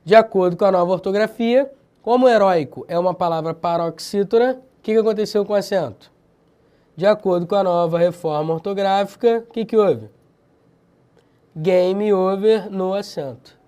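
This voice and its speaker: Lively slangy Brazilian grammar teacher. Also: male voice, high-pitched, normal speed, smooth. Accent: Brazilian Portuguese. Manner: lively, slangy, emphatic drilling of examples. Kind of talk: recorded video lesson.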